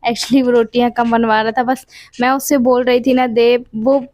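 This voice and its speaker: A woman's voice: a little high, flat delivery, normal speed, a little mellow, no echo. A woman in her late twenties, chatting casually in a home vlog and telling her story at length with small repeats. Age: 20s. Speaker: vlogger and mother.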